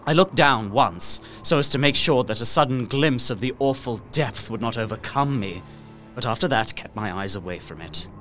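In this gothic audio drama, a young Victorian gentleman imprisoned in a castle reads from his journal, voiced by an actor whose pitch sits on the low side. The delivery is formal, deliberate and intense, conveying a haunted desperation, with music playing behind him.

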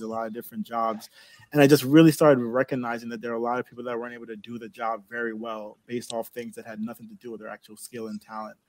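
A man's voice: medium pitch, no echo. A man speaking as a panelist in a casual online discussion, earnest and personal.

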